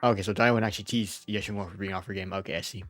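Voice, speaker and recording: Talking very fast in a lowish, steady voice, a sick-feeling streamer gives casual live commentary on his game. Game music runs underneath as he chats, laughs frequently, swears casually, and reads story summaries aloud.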